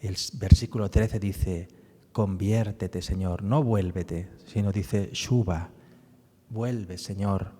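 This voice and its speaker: A man's voice: deep voice, fairly even intonation, takes it slowly, warm tone, in a large hall. A man from giving a public talk about a book on the psalms, explaining as he goes and often tagging his sentences with little questions. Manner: explanatory, frequent tag questions. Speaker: speaker presenting a book on the psalms.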